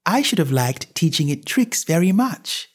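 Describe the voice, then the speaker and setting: A man voicing Alice, a curious, fretful young girl, raising his pitch to sound earnest and wondering. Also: sing-song, moderate pace, husky. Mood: wistful.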